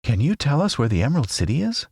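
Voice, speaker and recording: Man doing an earnest young storybook girl, pitched well up. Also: big pitch swings, fast, a little mellow, husky, no echo, clean studio sound.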